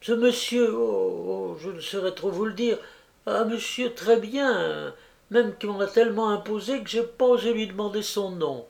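A man's voice: sits high, normal speed, gravelly, voice pushed up. A man reading aloud and voicing an effusive, kindly older landlady who chatters breathlessly with constant exclamations. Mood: chattering. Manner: breathless, gushing, full of exclamations.

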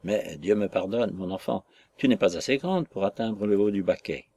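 A man reading the part of a compassionate older guardian in an audiobook, speaking softly and kindly. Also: lowish voice, normal speed, husky, no room sound. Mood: tender. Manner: soft, kindly and questioning.

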